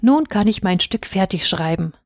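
A woman voicing a poor, hopeful young male student writer in a storybook reading, speaking in a hushed, delighted way. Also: mid-range voice, expressive, moderate pace, no echo, clean studio sound, lightly acted.

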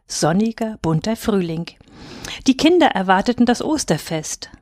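A woman's voice: medium pitch, no room sound, studio quality. Woman reading a fairy tale aloud. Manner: measured, expressive storytelling. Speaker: storyteller.

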